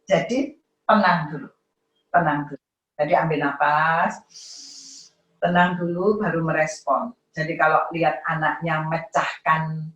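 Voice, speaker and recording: A middle-aged woman giving a lively parenting talk, acting out parents and children in high voices. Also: echoey room, recorded from a distance, poor audio. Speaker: parenting seminar speaker.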